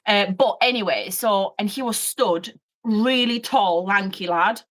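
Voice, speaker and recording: A woman, a former prison officer, tells workplace stories in a blunt, animated way and swears freely. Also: mid-range voice, a little slow. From United Kingdom. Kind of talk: casual storytelling chat.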